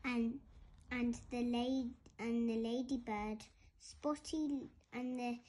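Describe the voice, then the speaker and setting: A teacher reading a picture book aloud at a school assembly, expressive and now and then tripping and restarting. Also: female voice, on the high side, slow. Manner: expressive storytelling with animal noises, some stumbles and restarts.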